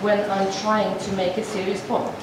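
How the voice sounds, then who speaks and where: Voicing a formal address as a sign language interpreter, a woman speaks at medium pitch, slowly and haltingly, frequently starting phrases over. The recording is noisy, captured from far off in a big hall with heavy echo and constant background noise.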